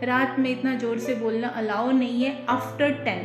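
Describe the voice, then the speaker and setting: A woman's voice: fairly high pitch, flat delivery, a little slow. A young woman chatting casually to her viewers from home, with fillers and small laughs. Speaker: vlogger. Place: home, quiet flat in the kitchen. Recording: echoey room with faint music.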